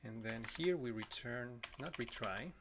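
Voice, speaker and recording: With an expressive, unhurried and creaky voice, a thirty-something man from Costa Rica with a Spanish accent runs a live coding walkthrough on his stream. He talks while typing, apologizes and corrects himself, and his throat is a little scratchy; he's in a small home room on a boom mic mounted on an arm.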